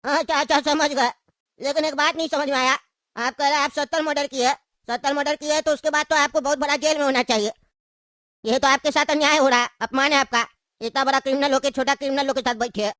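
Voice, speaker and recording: Woman as a quick-talking, sarcastic old jailbird man with a high, bright voice. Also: steady tone, no echo, studio quality. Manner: scolding, sarcastic. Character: old man in jail, cheeky and quarrelsome. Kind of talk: comedy sketch acting.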